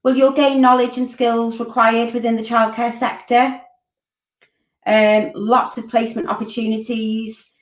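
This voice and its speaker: Her fairly high voice barely moves in pitch and stays unhurried as this woman in her forties, a college curriculum director, answers viewer questions on a Q&A stream from home. She's informal, full of ums and restarts, captured by a laptop webcam on a video call at a distance, giving a roomy sound.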